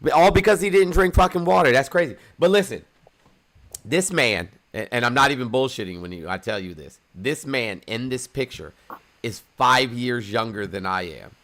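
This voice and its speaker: A man's voice: mid-range voice, moderate pace, fairly bright tone. A man hosting a live talk stream, telling a joking, profane story in casual chat.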